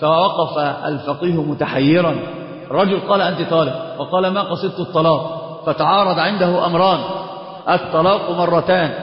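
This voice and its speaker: Sheikh teaching fast, highish voice, echoey hall, kinda dull lo-fi sound. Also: male voice. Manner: lively, quick, asks students questions; mixes Egyptian colloquial Arabic into classical. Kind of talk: religious lesson.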